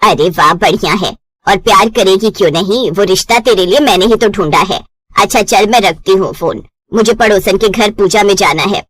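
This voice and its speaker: A blunt middle-aged mother, played by a woman teases her daughter in a lower, steadier cartoon voice. She jokes dryly and keeps her talk plain. The recording is close and dry. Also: normal speed, a bit bright, no room sound, close to an everyday voice. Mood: joking.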